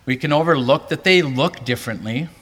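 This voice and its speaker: Husky and slightly bright, the man's voice moves fairly quickly through an earnest convention sermon. The pastor raises his pitch to drive points home, and his words echo with the reverb of a big hall.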